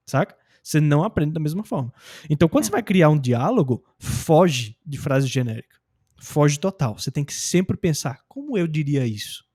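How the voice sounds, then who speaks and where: A young adult man from Brazil, an English teacher, explaining in a casual, slangy and animated way. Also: on the high side, husky. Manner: animated and slangy, acting out example phrases.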